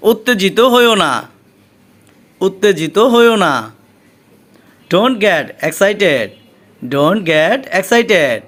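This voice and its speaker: A man with a Bengali accent teaching English, reading each short phrase twice, slowly and deliberately. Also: high voice, animated, a bit bright. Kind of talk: slow repeated phrase drills for learners.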